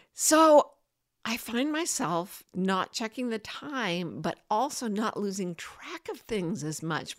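A woman hosting a casual, personal talk for an online audience, chatty and informal, with an animated, emphatic delivery that addresses listeners familiarly. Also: mid-range voice. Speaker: host of a weekly broadcast.

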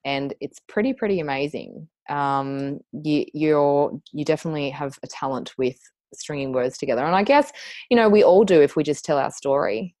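Low-voiced Australian woman podcast host. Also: moderate pace, mellow, no room sound. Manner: chatty and upbeat, with fillers and self-corrections. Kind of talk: casual podcast chat and guest introduction.

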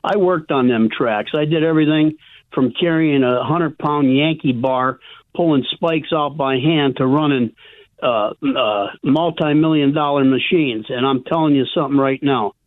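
A man's voice: mid-range voice, normal speed, no echo. An older man calling in to a radio show over a phone line, chatty and emphatic, calling the host "bro". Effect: phone-line caller audio.

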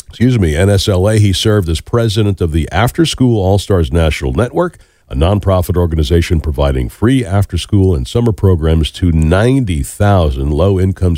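A man co-hosting a weekly radio show, speaking in a measured announcer manner as he reads a guest's bio. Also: low voice, dark tone, no echo, clean studio sound.

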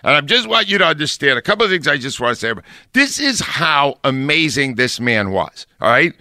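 A man's voice: a little high, fairly quick, dry recording, studio quality. A man hosting on the radio, talking emphatically in an on-air tribute. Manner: animated, emphatic. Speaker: radio host.

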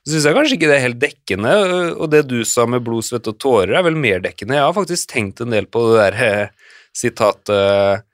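A man's voice: medium pitch, lively intonation, dry recording, studio quality. A man in his thirties chatting as a podcast guest, reflective and hesitant with frequent fillers. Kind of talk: casual conversation.

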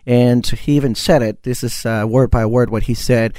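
A man's voice: mid-range voice, steady tone, normal speed, warm tone, no room sound. Male guest pastor from Costa Rica, earnest storyteller, dry studio sound. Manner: earnest, storytelling, many fillers. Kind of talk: radio interview testimony.

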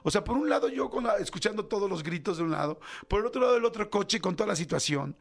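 A man with a Mexican accent, a radio host telling a family story in casual chat, animated and slangy. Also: high voice, fast talker, gravelly. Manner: animated storyteller, acts out voices, colloquial slang.

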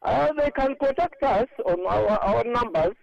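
Sex: man. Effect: clipped, poor phone line. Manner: hesitant, full of restarts. Pitch: very high, lively. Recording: muffled phone line, faint music. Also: gravelly, no room sound. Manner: hesitant, many pauses and restarts. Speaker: charity founder calling in. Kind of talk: radio phone-in interview.

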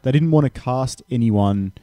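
A man's voice: mid-range voice, moderate pace, warm tone, dry recording. A man chatting as a guest on a casual podcast, telling stories and swearing casually.

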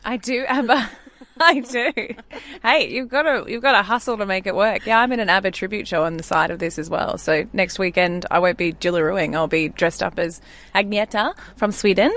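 A woman's voice: mid-range voice, normal speed, fairly bright tone. A woman singer, bubbly and laughing often as an interview guest. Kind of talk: casual interview.

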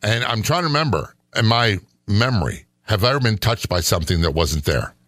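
A man's voice: lowish voice, lively intonation, brisk, a bit bright, no room sound, clean studio sound. A middle-aged man co-hosting a casual chat, skeptical and sarcastic, often rambling. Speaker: podcast co-host.

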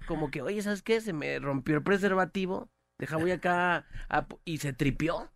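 A man's voice: fairly high pitch, normal speed, vocal fry, fairly bright tone, no room sound, clean studio sound. A man with a Mexican Spanish accent, hosting a morning radio show and telling stories with acted-out quotes in joking banter.

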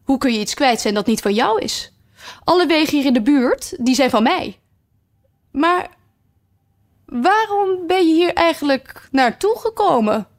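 A woman's voice: high-pitched, lively intonation, normal speed, voice pushed up. A woman playing a bossy, imperious queen. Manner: strict and imperious, orders in short commands. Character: haughty, bossy queen, grown woman, commanding.

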